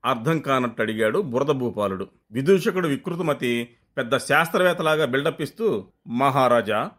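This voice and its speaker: A man narrating a scripted comic folk tale in a lively storytelling manner. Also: mid-range voice, brisk.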